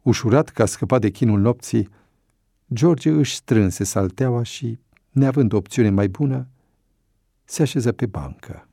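A man narrating a novel as an audiobook, in a measured, unhurried storytelling manner. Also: mid-range voice, gravelly, dark tone, no echo, clean studio sound.

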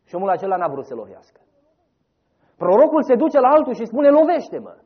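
A man preaching a sermon, telling the story dramatically, rising loud and then dropping soft. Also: high voice, big pitch swings, husky. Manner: dramatic storytelling, voices quoted figures, rises loud then drops soft. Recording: dull lo-fi recording.

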